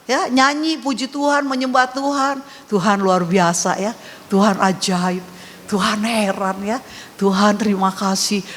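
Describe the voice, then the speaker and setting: A woman's voice: a little high, a bit bright. An older woman pastor giving a sermon testimony, telling her story in a conversational, emphatic way with many repetitions. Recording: long hall reverb.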